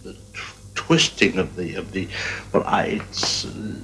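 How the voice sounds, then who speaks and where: A man in a documentary interview, halting and searching for words. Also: low voice, big pitch swings, a bit bright, a little hiss or hum, low-quality recording.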